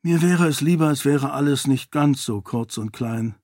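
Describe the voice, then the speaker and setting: A man's voice: medium pitch, normal speed, darkish tone, no room sound, clean studio sound, pitched above the performer's own voice, lightly acted. A man voicing a bold, outspoken young noblewoman in an audiobook. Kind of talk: audiobook dialogue.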